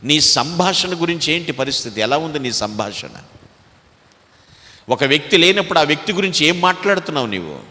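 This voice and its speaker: A man with a Telugu accent preaching a sermon as pastor, swinging between loud exhortation and quiet, low asides. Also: very animated, fairly quick, in a large hall.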